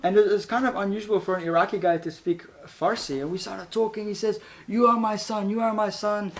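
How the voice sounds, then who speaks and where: A man from Iran giving an animated, casual spoken testimony, laughing often and stumbling over repeated words. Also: sits high, fairly quick. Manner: animated, laughs often, acts out voices in quotes.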